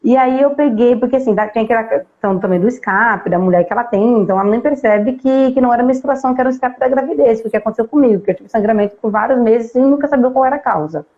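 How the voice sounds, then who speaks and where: A woman from Brazil tells a personal story as an interview guest, lively and acting out bits of dialogue along the way. Her voice is mellow and warm, and it comes through a muffled, lo-fi live stream. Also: a little high, fast, few pauses.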